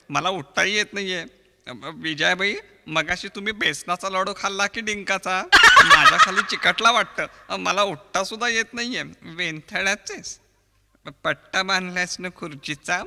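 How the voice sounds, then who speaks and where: Man, Marathi accent, mimicry comedy, quick voice switching, fairly high voice, long stage reverb. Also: very noisy. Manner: switches quickly between impressions of film actors. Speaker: mimicry artist.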